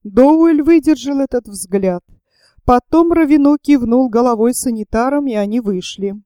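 A woman reads a novel aloud in a steady, measured audiobook style. Her voice sits a little high, yet it sounds dark and mellow. The recording is close and dry. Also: smooth, dry recording, dull audio. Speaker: narrator.

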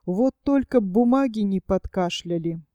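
A woman's voice: mid-range voice, expressive, unhurried, warm tone, dry recording, muffled recording, close to an everyday voice. A woman voicing a cheerful young male hunter who jokes and teases, in an audiobook. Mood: teasing. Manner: joking, easygoing.

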